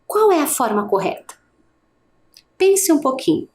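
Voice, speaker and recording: A woman teacher giving a recorded video lesson. She asks her students questions and slowly draws out each example word. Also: sits high, very animated, a little mellow. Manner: slow, drawn-out pronunciation of example words; asks the class questions and pauses. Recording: echoey room with faint hiss.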